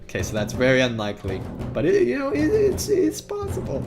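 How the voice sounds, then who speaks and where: His pitch swings hugely and he talks a little fast over music, a let's play gamer thinking aloud about a story game. Fillers, restarts, and self-corrections fill his rambling commentary, he sometimes reads the game's text out loud, and jokes send his voice very high.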